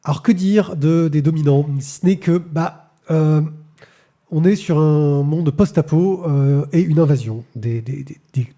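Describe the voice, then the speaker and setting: A man's voice: a little high, unhurried, warm tone. A man hosting a comics podcast, talking casually with lots of fillers and repeated words. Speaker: podcast host reviewing comics. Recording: live-streamed podcast.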